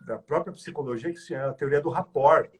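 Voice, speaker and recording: A man's voice: fairly high pitch, quick pace, crowd noise. A man speaking as a guest on a live chat, explaining in a didactic way, listing examples and asking rhetorical questions.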